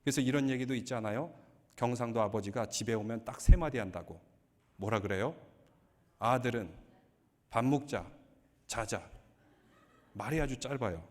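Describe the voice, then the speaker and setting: Pastor preaching in a reverberant hall. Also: male voice, medium pitch, fairly quick. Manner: joking, lively storytelling. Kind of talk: sermon with humor. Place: church sanctuary.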